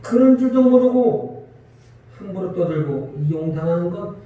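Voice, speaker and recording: Phone-quality audio captures a pastor's Sunday sermon from far back in an echoing church hall. His voice sits high and his pace is moderate, and he livens things up by questioning the congregation and acting out quarrels.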